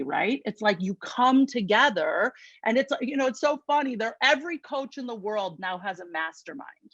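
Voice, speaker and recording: A woman with a Chicago accent giving an inspirational talk as guest speaker at an online spiritual service, lively and conversational with quick asides. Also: medium pitch, dry recording, dull audio. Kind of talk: inspirational sermon.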